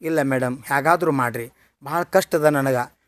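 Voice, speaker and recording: A man's voice: mid-range voice, moderate pace, no room sound, pitched below the performer's own voice, lightly acted. A man putting on a meek, begging old father. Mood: pleading. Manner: meek, pleading.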